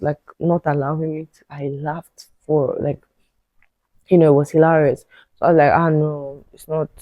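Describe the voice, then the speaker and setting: A woman's voice: low-pitched, vocal fry, no echo, highs cut off. Chatty young woman storytelling. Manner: chatty and animated, frequent laughs and asides. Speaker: podcast host. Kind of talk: casual storytelling monologue.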